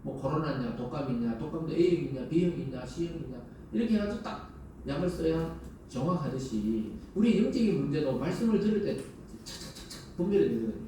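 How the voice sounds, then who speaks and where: A man's voice: fairly high pitch, expressive, normal speed, mellow. A man preaching a sermon in a conversational way, asking the congregation rhetorical questions, recorded from a distance in a church sanctuary. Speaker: pastor. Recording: very echoey church hall, voice from a distance, faint hum.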